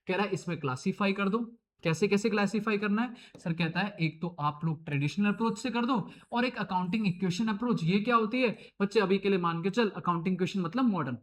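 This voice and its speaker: Male Indian tutor, high-pitched, playful and chatty, online lecture. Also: a bit bright. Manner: chatty, teasing, calls students beta and babu. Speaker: accounting teacher.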